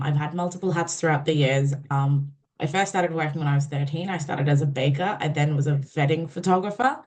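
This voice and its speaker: A woman who grew up in the Middle East introduces herself on an online panel, upbeat and chatty. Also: low voice. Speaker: panellist, lawyer. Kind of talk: casual self-introduction. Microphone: online video call.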